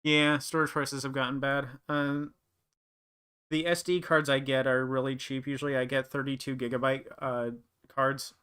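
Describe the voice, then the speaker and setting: A man's voice: medium pitch, flat delivery, normal speed, pushed and bright, smooth. A young man chatting casually on a live stream, thinking aloud and rambling with lots of fillers.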